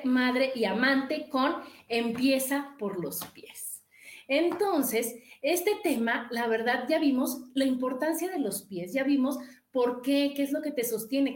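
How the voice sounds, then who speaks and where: High-voiced Mexican woman hosting a talk show. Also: echoey room. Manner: warm, lively, repeats phrases and asks "¿no?". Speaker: radio show host and therapist. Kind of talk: casual talk-show advice.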